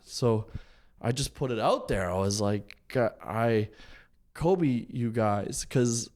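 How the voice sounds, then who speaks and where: A man's voice: mid-range voice, takes it slowly, darkish tone. A man doing a stand-up set, telling rambling stories full of restarts and his own laughter, to a nearly empty room. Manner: rambling, self-interrupting storytelling with laughs. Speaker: stand-up comedian.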